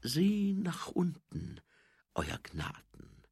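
A smooth, soft-spoken male assassin, quiet and hushed, as a male reader plays him. His lines come cool and low in volume in this storybook reading. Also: sing-song, a little slow, no room sound, clean studio sound, exaggerated voice.

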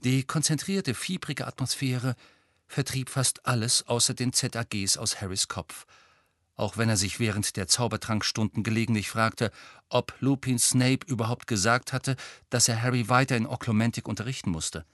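A man's voice: mid-range voice, fairly bright tone, no echo. Man narrating a story, dry and close. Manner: measured storytelling with character voices. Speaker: audiobook narrator. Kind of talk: scripted narration.

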